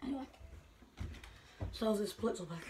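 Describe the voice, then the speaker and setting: A woman's voice: mid-range voice, expressive, normal speed, background noise. A woman chatting casually while opening card packs, rambling with lots of fillers, in an indoor room by a window. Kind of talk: casual unboxing chat.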